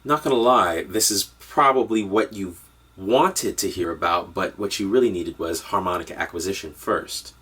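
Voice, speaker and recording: A man's voice: low voice, moderate pace, fairly bright tone, slightly rough, recorded from a distance. A man giving an upbeat, direct online lesson on piano harmony. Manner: upbeat, direct instructional delivery. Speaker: music teacher.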